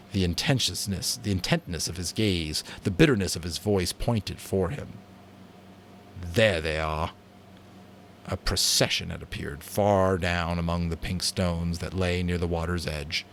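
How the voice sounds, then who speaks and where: A low-pitched man, with a little hiss or hum in the recording, delivers a dramatic amateur reading of a novel. He stumbles at times, rereading lines and stopping for another take.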